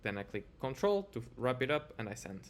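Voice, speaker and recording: In a mid-range, sing-song voice, a man with a Portuguese accent talks fairly quickly through a casual screen-share tutorial. He's a software developer, and his informal delivery is hesitant and full of filler words.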